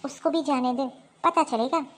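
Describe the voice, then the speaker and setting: An older mother-in-law in a cartoon family, played by a woman. She talks in a fussy, scolding way, and her voice sits high. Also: normal speed, natural voice. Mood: doting. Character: older mother-in-law, doting then regretful. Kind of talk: cartoon voice acting.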